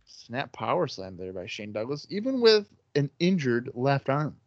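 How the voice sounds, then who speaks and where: A man's voice: mid-range voice, very animated, normal speed, no room sound. A man co-hosting a podcast, giving joking, profane play-by-play of a wrestling match in casual chat. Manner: joking, swears freely. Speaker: podcast co-host watching wrestling. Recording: dull lo-fi dry sound.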